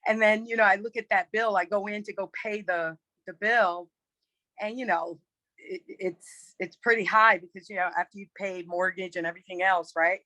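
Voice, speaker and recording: A woman's voice: medium pitch, steady tone, moderate pace, pushed and bright, no echo, low-quality recording. A woman sharing personal experience casually in a group call, in a conversational way. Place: online group meeting call.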